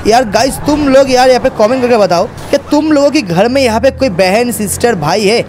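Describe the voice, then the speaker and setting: A man's voice: very high-pitched, animated, a little fast, a little mellow, a little hiss or hum. A man narrating a game role-play in a chatty way, talking straight to his viewers. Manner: chatty, addresses viewers, repeats fillers. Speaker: gaming YouTuber narrating as Franklin.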